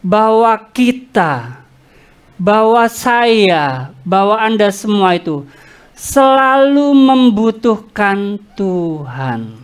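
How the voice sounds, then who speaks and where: A woman preacher delivers an animated sermon in a church, her pitch swinging widely as she jokes and acts out the complaints of her listeners. She speaks with an Indonesian accent and slips into East Javanese slang. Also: very slow, clean tone. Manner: animated, jokey, addresses the congregation directly; acts out congregants' complaints and God's words in quoted voices. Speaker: pastor.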